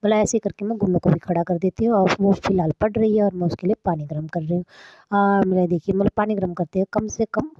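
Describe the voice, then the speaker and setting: A woman's voice: mid-range voice, fast, lo-fi sound, background noise. A woman in her thirties narrating her daily housework in a casual, rambling way, filling her talk with constant fillers. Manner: chatty, says "matlab" constantly. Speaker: vlogger and housewife.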